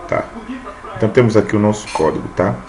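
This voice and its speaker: Speaking fast in a low, darkish voice, a thirty-something man teaches coding while typing on screen, frequently checking in with "tá?". The screen-recorded lesson carries noisy room ambience.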